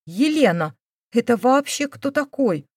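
A stern, domineering older mother, as a woman reads her part, scolding and indignant with a loud, sharp edge. The pitch sits in a middle register and the recording is dry and close. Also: moderate pace, dry recording, close to an everyday voice. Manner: scolding, raised voice.

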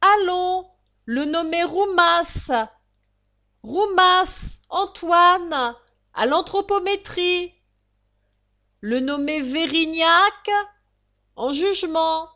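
A woman reading an audiobook, voicing a male convict who calls out prisoners' names in a loud, drawn-out shout. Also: very high voice, animated, pitched above the performer's own voice, heavily acted. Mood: bellowing.

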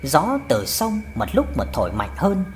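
A woman narrating a ghost story in a dramatic, expressive way. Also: low-pitched, measured pace, faint music behind. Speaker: audiobook narrator.

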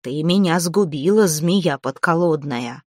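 A woman voicing a vengeful dead husband back from the grave, talking low, slow and with contempt. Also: expressive, a little mellow, no room sound, studio quality. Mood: menacing.

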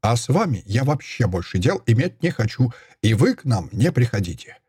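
A man voicing a self-righteous Soviet woman official who shouts accusations in a sing-song, triumphant way. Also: medium pitch, very animated, moderate pace, husky, no room sound, studio quality. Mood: haughty.

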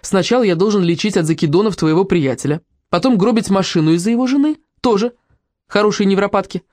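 A reader voicing a hot-tempered male doctor who yells and sneers sarcastically after a car crash. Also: mid-range voice, fast, no room sound, studio quality, pitched above the performer's own voice, natural voice. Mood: furious. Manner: yelling, sarcastic.

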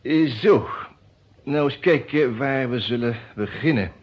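Heard on a dull, muffled old radio recording, an actor in a detective serial voices a cautious, formal defence lawyer who doubles as narrator. He speaks in a mid-range, slightly rough voice, with measured, businesslike phrasing and hesitant pauses.

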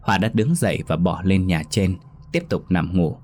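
A man narrating a scripted ghost story in a steady storytelling manner. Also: low voice, normal speed.

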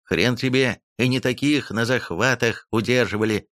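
A man voicing a proud, gruff young male swordsman who growls his words defiantly in an audiobook. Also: medium pitch, normal speed, a bit bright, no echo, studio quality, lightly acted.

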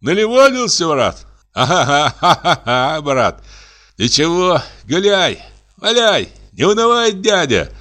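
Guy reading a story doing a drunk rowdy student, slurry and laughing, way up high. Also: very animated, takes it slowly, full character voice. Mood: drunk, jovial. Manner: slurred, laughing, jovial shouting. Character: drunk tall thin male student, boisterous. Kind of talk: audiobook character voice.

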